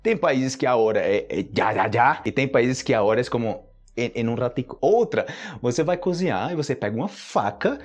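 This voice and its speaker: A man's voice: mid-range voice, animated, a little fast. A young Brazilian man with a Brazilian Portuguese accent, giving a casual language lesson and acting out small everyday dialogues. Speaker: Portuguese teacher.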